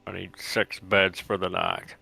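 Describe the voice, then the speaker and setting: A man playing a gruff, commanding soldier in a tabletop game, curt and forceful, with a gravelly voice. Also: sits low, little pitch movement, measured pace, soft background music, exaggerated voice. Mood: brusque.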